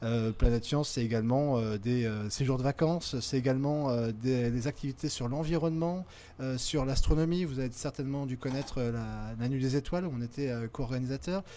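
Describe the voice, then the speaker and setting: A man speaking as a guest on a web TV set, stumbling through his answers with frequent fillers and restarted phrases. His voice sits at a middle pitch, with clear background noise around him in the studio. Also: dark tone. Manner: halting, many fillers and restarts, self-deprecating. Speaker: association president, studio guest. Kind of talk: hesitant studio talk-show answers.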